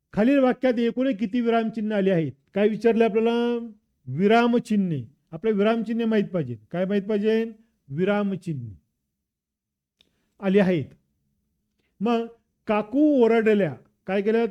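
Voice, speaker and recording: A man's voice: high voice, clean tone, muffled recording. A man teaching with a Marathi accent, walking through an exam paper and drilling students with repeated questions and answers. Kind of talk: exam paper walkthrough lesson.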